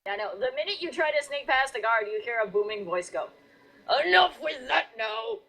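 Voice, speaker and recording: High-voiced woman running a tabletop game. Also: expressive, a bit bright, poor audio. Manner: informal, halting delivery with repeated phrases. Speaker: game master. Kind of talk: casual tabletop game narration.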